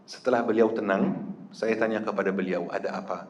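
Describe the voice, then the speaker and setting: A man's voice: on the low side, steady tone, fairly quick, a little hiss or hum. Man preaching in a reverberant hall. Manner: earnest, addresses the congregation directly, drops to soft tones. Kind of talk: sermon.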